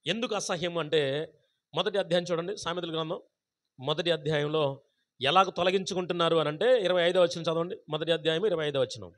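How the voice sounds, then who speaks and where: High-voiced man preaching a sermon. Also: brisk. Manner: asks the congregation questions and repeats scripture phrase by phrase. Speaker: pastor. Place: church prayer gathering.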